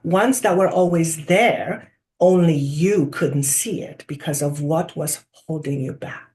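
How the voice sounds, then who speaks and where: A wise collective of spirit guides speaks through a person acting as medium in a trance-channeling seance. The delivery is deliberate and oracular, solemnly instructive. Key words are drawn out for emphasis, and questions are posed rhetorically. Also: mid-range voice, darkish tone, lightly acted.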